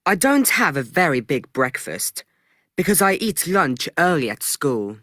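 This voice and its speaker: A man voicing a friendly young boy in a textbook listening recording, reading slowly. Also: fairly high pitch, dry recording, studio quality, exaggerated voice. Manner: slow, lively textbook reading. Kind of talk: scripted textbook audio.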